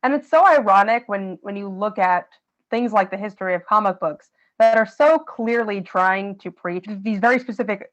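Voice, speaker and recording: A woman co-hosts a casual podcast discussion and explains her points thoughtfully and at length. Her voice sits in an ordinary middle register. She talks in a relaxed, conversational tone. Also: mid-range voice, highs cut off. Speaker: podcast co-host.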